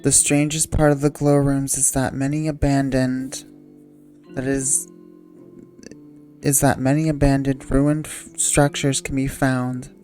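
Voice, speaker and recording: A sleepy, yawning woman hosting a channel, reading wiki entries aloud in a halting way and stumbling over words. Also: extremely low pitch, little pitch movement, mellow, faint music behind.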